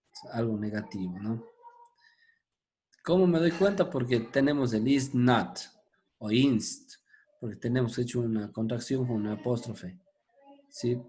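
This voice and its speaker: A man's voice: medium pitch, a little mellow. A man teaching English grammar to a class, patient and methodical, checking in with his students as he goes.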